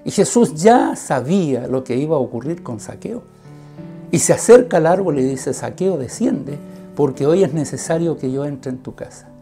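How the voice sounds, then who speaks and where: A preacher giving an earnest sermon, often tagging phrases with a questioning "right?" and stretching key words with sudden loud emphasis. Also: medium pitch, animated, normal speed. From Chile. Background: faint guitar music.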